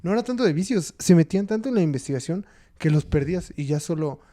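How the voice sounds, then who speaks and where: Mellow-voiced Mexican man co-host. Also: on the high side, lively intonation, fast talker. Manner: thinks aloud, slangy, with swearing. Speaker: podcast co-host. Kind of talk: casual chat.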